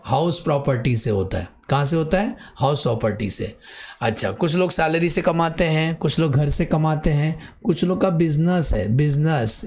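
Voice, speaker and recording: A man's voice: a little high, darkish tone. A middle-aged man with an Indian accent lecturing on tax, calling his students "beta" and asking and answering his own questions. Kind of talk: classroom lecture.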